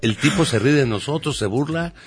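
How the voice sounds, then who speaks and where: A man's voice: mid-range voice, animated, brisk, a little hiss or hum. A man speaking as a guest on a radio talk show, earnest and repeating his points. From Mexico. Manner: earnest, repetitive.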